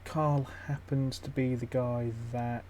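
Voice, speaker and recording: A man's voice: mid-range voice, little pitch movement, takes it slowly, darkish tone, a little hiss or hum. A man giving casual, skeptical commentary while watching a ghost-hunting show, blunt and swearing now and then. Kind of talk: casual live-stream commentary.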